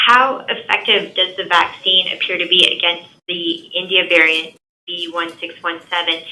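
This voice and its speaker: A female TV reporter asks a prepared question at a briefing. Her voice sits a little low yet rings very bright. There is a faint hiss from the line behind her. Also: poor audio. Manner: fluent, prepared delivery. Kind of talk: press conference question.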